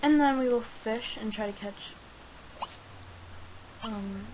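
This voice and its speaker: A high-voiced woman with a sore throat chats through a video game. She talks slowly and hesitantly, rambling to herself. The home recording has clear background noise. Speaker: gaming host. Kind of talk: casual let's play commentary.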